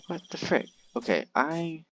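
A young man hosting a gaming channel, giving let's-play commentary in a jumpy, excitable way, yelping and trash-talking the monster. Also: on the high side, measured pace, noisy background. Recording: loud game sounds with crickets behind.

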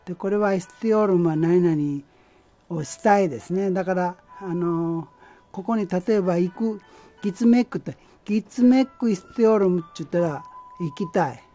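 Mellow-voiced man teaching language basics. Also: high-pitched, faint music behind. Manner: patient, halting explanation with many fillers. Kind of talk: amateur language lesson.

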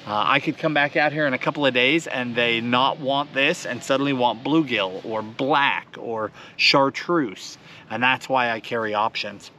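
A man's voice: mid-range voice, normal speed, a little hiss or hum. A man in his thirties hosting a fishing show, talking casually and explaining to camera from a small boat on a lake. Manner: relaxed, explanatory, chuckles often. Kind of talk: casual outdoor talk to camera. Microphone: camera mounted on the boat.

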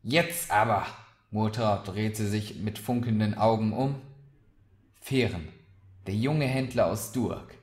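Male story reader, slow, lowish voice, echoey room. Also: a little mellow. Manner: slow, deliberate narration. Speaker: reader of short stories. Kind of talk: storybook reading. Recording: roomy echoey recording.

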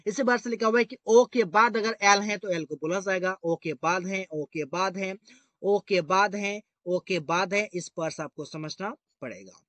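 A man's voice: high voice, measured pace, fairly bright tone, no room sound. A man teaching English grammar rules in a repetitive, explanatory way, often calling his viewers guys.

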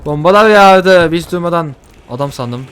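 A man giving casual, excitable commentary while playing a shooter game, joking and swearing at what happens. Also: on the high side, moderate pace, clean tone. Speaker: gaming YouTuber. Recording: faint gunfire behind. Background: faint game gunfire and explosions.

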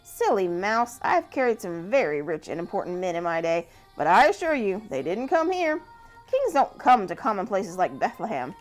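A woman's voice: medium pitch, sing-song, normal speed, soft background music, close to an everyday voice, low-quality recording. A woman voicing a haughty, self-important old male camel who snickers. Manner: superior and snickering.

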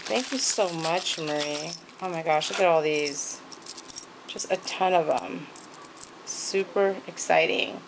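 A woman's voice: sits low, slow pace, gravelly, noisy background. A woman craft vlogger showing off gifts in a casual show-and-tell, gushing and thanking people over and over. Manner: gushing, repeats thanks and praise.

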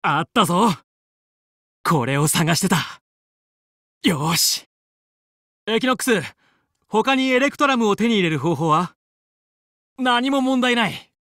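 Video game hero: young fox squad leader, confident and determined, animated, sharp-edged delivery, dry studio sound. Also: male voice, sits high, no room sound. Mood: focused, confident. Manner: brisk, determined, commanding yet friendly. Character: young heroic anthropomorphic fox space pilot, confident team leader. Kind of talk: Japanese video game voice acting.

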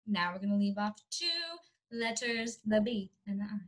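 A young woman teaches a lesson to small children, using simple, repeated, encouraging phrases while sitting on the floor of a small indoor room. Her mid-range voice has little pitch movement and a moderate pace. A device mic picked her up from a little way off.

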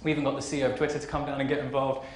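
A thirty-year-old man, a fashion marketing executive, delivers an informal, enthusiastic conference keynote from a large auditorium stage, speaking conversationally and very fast. His voice is medium-pitched with a flat delivery. The hall adds a roomy echo, and there's faint background noise.

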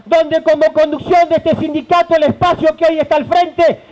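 An Argentine union leader in his forties, his voice extremely high with a level tone and moderate pace, gives an impassioned protest speech outdoors. Holding a handheld mic on a tented rally stage, he gestures and sometimes shouts in Argentine Spanish. The recording is rough.

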